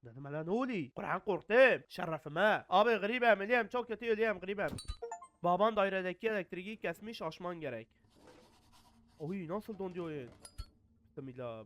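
A man's voice: high voice, brisk, a bit bright, a little hiss or hum. A young man, commentating a horror game, jumpy, cursing and muttering prayers when scared. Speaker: gaming YouTuber.

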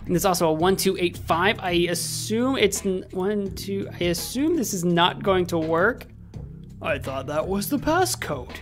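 A man in his thirties with a high voice plays through a game and talks as he goes. He is casual and jokey, thinking aloud close to the mic, with faint music behind him. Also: animated, unhurried. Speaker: gaming host. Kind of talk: casual playful game commentary. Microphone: desk microphone close to the mouth.

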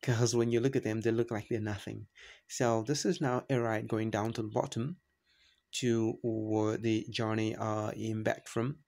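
A man with a low voice talks through a travel vlog. His delivery stays flat and even, and he keeps pausing on "uh" and starting his phrases over. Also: vocal fry. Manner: halting, many fillers and restarts. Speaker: travel vlogger. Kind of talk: casual travel narration.

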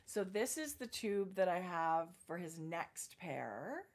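A middle-aged woman chatting casually as a knitting podcast co-host, explaining her projects in detail with pauses and fillers. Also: fairly low pitch, big pitch swings, a little mellow. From Canada. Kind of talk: casual chat.

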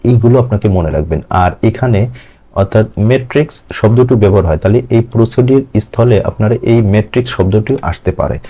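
Mellow-voiced man teaching a lesson. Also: medium pitch. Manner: explanatory, repeats key terms, breaks words into syllables slowly. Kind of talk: online exam-prep lesson.

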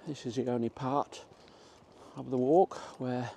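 Here a middle-aged man talks casually on camera as he makes his way through a country park. His medium-pitched voice is warm, steady, and unhurried, with noticeable vocal fry. Only faint ambient sound from outdoors can be heard.

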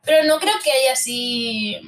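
A woman's voice: high voice, a little slow. A young woman from Spain with a mixed Spanish accent, chatting casually as a guest streamer, laughing often and using lots of fillers. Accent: Spanish, mixed Madrid, Zaragoza and Andalusian traces. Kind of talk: casual chat.

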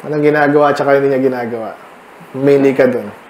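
A man's voice: medium pitch, steady tone, fast talker, echoey room, background noise. A male pastor with a Filipino accent leading a midweek Bible study, talking in a conversational way and calling on listeners by name to answer. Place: church meeting room.

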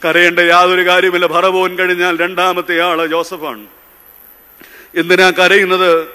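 A priest preaching with fervour in a large hall. His voice is high and very bright, and it stays smooth and clear. A long reverb trails after each repeated, emphatic line. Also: monotone, unhurried. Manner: impassioned, repeats lines for emphasis, mixes in English phrases. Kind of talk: sermon.

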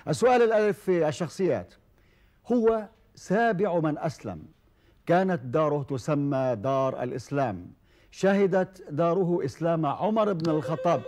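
A man hosting a televised quiz show, formal and measured, with frequent hesitation fillers. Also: on the high side, animated, a little mellow. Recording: old television broadcast recording.

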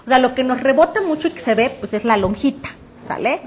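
Fast and lively in intonation, this woman's high voice carries a faint hiss or hum. She teaches a reading-aloud workshop in Mexican Spanish-accented speech, patiently covering breathing and projection and regularly asking whether her class has followed along.

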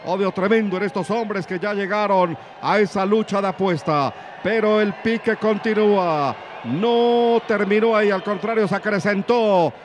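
Male wrestling commentator, Mexican accent, excited play-by-play, raised pitch over a noisy arena crowd. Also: moderate pace. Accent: Mexican Spanish. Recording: loud arena crowd noise behind.

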